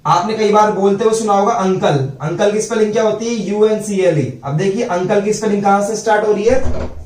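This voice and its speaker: Male teacher, high voice, far from the mic in an echoey room, patient phonics drills. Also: darkish tone. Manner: slow, repeats sounds and asks students questions. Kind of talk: phonics lesson.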